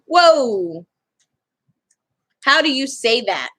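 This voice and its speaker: A woman's voice: fairly high pitch, sing-song, very slow, a bit bright. A young woman chatting casually for her vlog, rambling and cutting herself off mid-sentence. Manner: chatty, rambling, self-interrupting. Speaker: vlogger. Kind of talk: casual chat.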